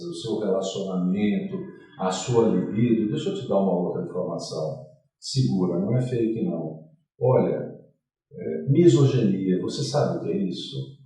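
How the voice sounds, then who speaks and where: A male talk show host who talks theatrically, cracking jokes and hopping between subjects. His voice is warm and dark. He sounds a little far from the microphone in a very echoey room. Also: low voice. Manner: theatrical, jokey, jumps between topics. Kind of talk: lively studio interview.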